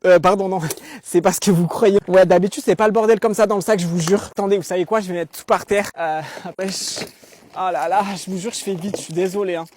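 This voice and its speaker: A woman performing comic sketches in several roles, swinging between loud outbursts and quiet mutters. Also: mid-range voice, fairly even intonation, fairly quick, slight background noise. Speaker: comedy sketch creator.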